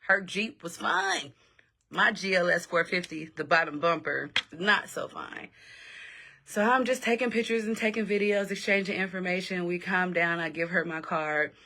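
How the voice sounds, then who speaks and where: Animated bright-voiced woman telling a story. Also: fairly low pitch, normal speed. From South Central Los Angeles. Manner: animated, laughs often mid-story. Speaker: host, personal growth coach. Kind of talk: casual storytelling monologue.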